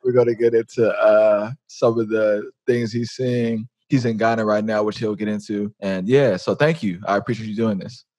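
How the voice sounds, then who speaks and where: A man's voice: fairly low pitch, fairly even intonation, normal speed, hardly any pauses, a little mellow, dry recording. A man hosting a podcast interview, speaking casually with many fillers. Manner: casual, filler-heavy, uses "like" a lot. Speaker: podcast host.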